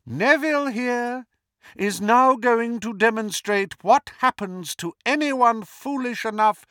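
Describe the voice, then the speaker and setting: A man voicing a cold, mocking dark wizard lord in an audiobook, with a soft, silky hiss and slow, pompous menace. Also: very high voice, no echo, clean studio sound, voice pushed up, exaggerated voice. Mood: grandiose, commanding.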